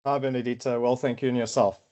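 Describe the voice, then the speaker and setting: With a slightly mellow voice pitched in the middle range, this South African podcast guest, a middle-aged quantity surveyor, talks fast with little pitch movement. He thinks aloud in a casual chat, often hesitating, repeating words, and filling gaps with ums and uhs.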